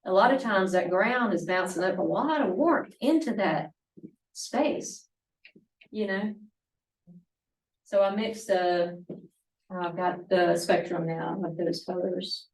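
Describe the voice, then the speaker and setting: A woman's voice: on the low side, slow, pauses often. Mississippi woman teaching, echoey room. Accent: Mississippi Southern US. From Mississippi, United States. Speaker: painting teacher, guest presenter. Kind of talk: informal demonstration talk. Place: meeting room with audience. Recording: echoey room, distant mic.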